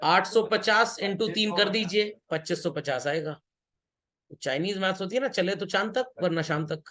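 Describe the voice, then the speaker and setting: A male accountancy teacher with a high-pitched voice lectures a class, teasing and joking with the students as he works problems. He slips back and forth between Hindi and English. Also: expressive, moderate pace, pushed and bright.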